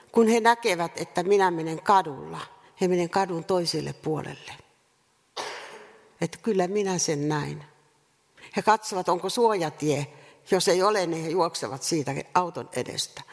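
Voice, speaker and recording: Woman preacher, gravelly mid-pitched voice, earnest sermon full of repeated questions, long hall reverb. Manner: earnest, repetitive rhetorical questions with pauses.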